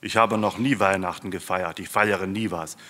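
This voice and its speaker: A man's voice: low-pitched, steady tone, normal speed, bright, forceful tone. A man voicing a grumpy male pike who talks in a grouchy, objecting way. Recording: long hall reverb.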